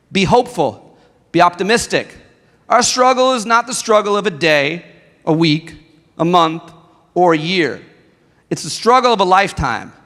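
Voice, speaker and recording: Echoing through a big convention hall full of people, a middle-aged man speaking as a guest delivers an impassioned address built on a repeated, rousing rhythm. His voice sits slightly high, gravelly and fairly bright.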